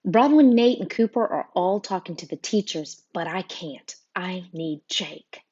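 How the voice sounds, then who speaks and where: Husky, lively woman narrating an audiobook. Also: lowish voice, unhurried, highs cut off. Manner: expressive, emotional, voices every character. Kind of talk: first-person audiobook narration.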